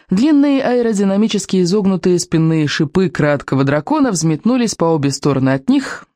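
A reader telling a children's adventure story with a lively, animated delivery that rises and falls a lot. The voice is warm and mellow, recorded dry and close with no room sound. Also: mid-range voice, no echo. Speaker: audiobook reader. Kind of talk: scripted narration of a children's adventure book.

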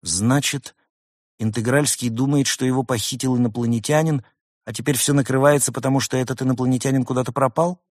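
A man's voice: mid-range voice, steady tone, brisk, a little mellow, no room sound, voice pushed up, close to an everyday voice. A man voicing a stern, exasperated male animal brother in a storybook reading, with a dry, sardonic way of talking.

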